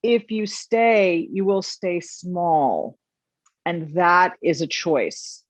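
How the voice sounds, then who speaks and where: An American middle-aged woman hosts a podcast in a casual interview chat, telling personal stories in an earnest, reflective way and frequently restarting her sentences. Her voice is on the low side with lively intonation and a very slow pace. The sound is dry and dull lo-fi, with no room sound.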